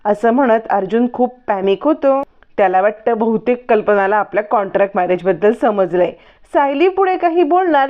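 Woman retelling an episode, high-ish voice. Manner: steady, explanatory. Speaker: episode recap narrator. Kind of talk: recap storytelling. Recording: dull lo-fi recording.

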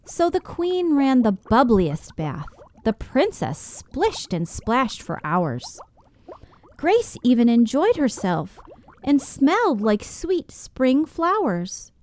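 A woman reads a children's book aloud at a slow, careful pace. Her delivery is expressive and sing-song. Soft music plays behind her. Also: high voice. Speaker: storyteller.

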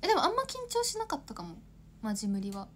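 A woman's voice: sits high, big pitch swings, quick pace, a little hiss or hum. A young woman in her twenties, an idol chatting casually on a livestream, rambling, laughing often and answering viewer comments.

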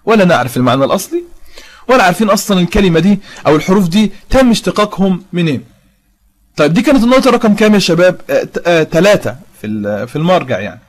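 Young man, Egyptian accent, debate host, argumentative, reads quotations aloud, high voice, rapid speech. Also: lively intonation. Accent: Egyptian Arabic. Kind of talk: online religious debate.

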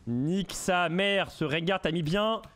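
A man commentating his own game live, excitable and swearing, with mock-formal asides and bits of English. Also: high voice, a little slow, slight background noise. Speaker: streamer.

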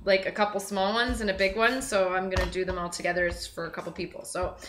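A young woman hosting a cooking show gives a casual, chatty demonstration in her home kitchen, thinking aloud informally as she works. She talks fast with a medium, level voice, picked up by a camera mic a few feet away in a roomy, echoey, noisy recording.

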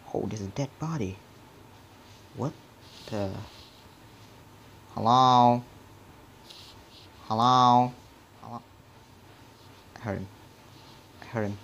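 Playing a horror game, a jittery gamer often sinks to a whisper and quietly swears to himself. His fairly low voice is gravelly and a little mellow, with slight background noise.

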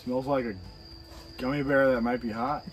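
A man's voice: medium pitch, fairly even intonation, moderate pace, faint music behind, low-quality recording. A young man co-hosting a hot-food challenge, giving easygoing running commentary with the odd whoop. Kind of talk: casual challenge banter.

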